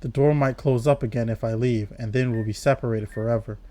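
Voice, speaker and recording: A man's voice: mid-range voice, steady tone, fairly quick, mellow. Casual man playing through a game. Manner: casual, reacts with surprise and mild swearing. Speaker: gaming channel host. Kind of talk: let's play commentary and reading dialogue.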